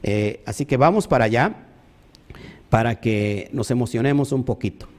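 A man teaching a sermon, stressing points emphatically, often calling out to the congregation and pausing with fillers as he searches for words. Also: mid-range voice. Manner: emphatic, repeats "ojo" and "amén", talks to the congregation. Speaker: preacher.

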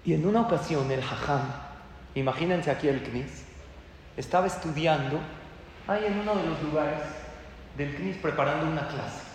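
Man, echoey hall. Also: fairly high pitch. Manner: animated, rising emphasis, drawn-out phrases. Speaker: rabbi giving a talk. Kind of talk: storytelling sermon. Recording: echoey hall with faint noise.

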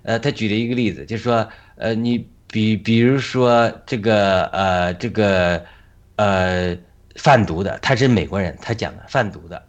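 A man hosting an online Bible discussion, speaking haltingly with many fillers and repeats. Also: on the low side. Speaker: host.

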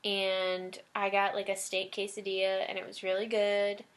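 A woman's voice: medium pitch, monotone, normal speed. A young woman co-hosting a podcast in casual chat, chatty and giggly, sometimes tripping over her words. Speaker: podcast co-host.

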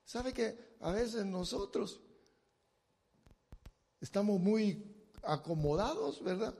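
A man's voice: sits high, expressive, takes it slowly, creaky, slightly rough, long reverb tail. A man preaching a sermon in a dramatic style, acting out scenes and pleading voices as he speaks. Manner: dramatic, acts out the blind man's shouted pleas.

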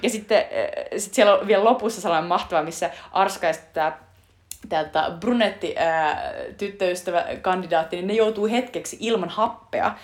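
A woman in casual chat, eagerly retelling film scenes with many fillers. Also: mid-range voice. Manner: chatty retelling full of fillers, breaks into laughter. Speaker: podcast co-host discussing a film.

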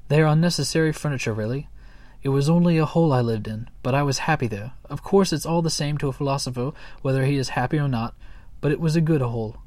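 A man's voice: medium pitch, fast talker, a little mellow, no room sound, lightly acted. A man voicing a gloomy, pompous old male muskrat who fancies himself a philosopher, speaking in a lofty, dismissive way.

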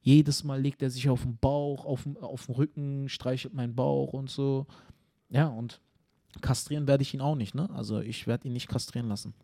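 A man co-hosting a comedy podcast, telling stories animatedly in casual chat and often tagging his sentences with quick questions. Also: mid-range voice, creaky. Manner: animated storyteller, tag questions, acts out scenes.

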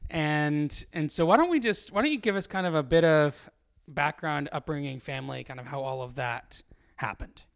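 A man's voice: a little high, normal speed, gravelly. A man, a pastor hosting a podcast, praying earnestly and then introducing his guest.

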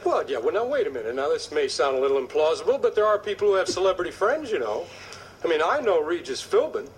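A calm, teasing sitcom dad; slightly raised pitch, hissy vintage TV soundtrack. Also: male voice, quick pace. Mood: patient. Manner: calm, reasoning, mildly wry. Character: patient, gently teasing middle-aged dad. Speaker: sitcom father. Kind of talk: 1980s sitcom acting. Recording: noisy old TV soundtrack.

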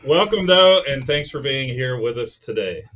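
A man's voice: mid-range voice, animated, normal speed, a bit bright, highs cut off. A man co-hosting a podcast, introducing a guest in a friendly, chatty way. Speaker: podcast co-host. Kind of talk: casual podcast chat.

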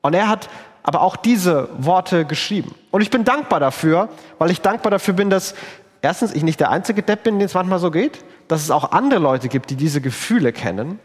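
Guy pastor giving a sermon, kinda high voice, honest chatty tone, lots of reverb like a big church. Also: expressive, a little fast. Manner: earnest, conversational, frequent restarts. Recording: long hall reverb.

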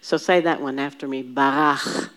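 A woman's voice: deep voice, measured pace. A woman teaching a Bible study group, patiently explaining words one at a time and having the class repeat them, often restarting her sentences as she thinks aloud.

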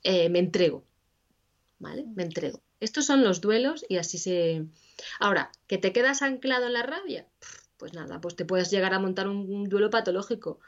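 Woman, interview guest, expressive explainer, slightly muffled recording. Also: medium pitch, moderate pace. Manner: animated, acts out quoted inner voices. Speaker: interview guest, grief specialist. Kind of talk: conversational explanation.

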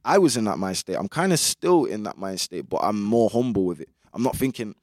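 A young man with a British urban roadman accent, a music artist being interviewed, shares his opinions in casual chat packed with street slang. His voice is fairly low, sing-song and a little fast. The recording is dry and studio quality.

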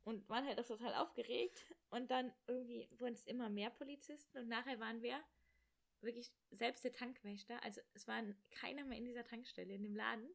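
A young woman in casual chat, telling a travel story in an animated way and acting out the voices of people in it. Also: fairly high pitch, vocal fry. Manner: animated, rushed, acts out quoted voices. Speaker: storyteller guest.

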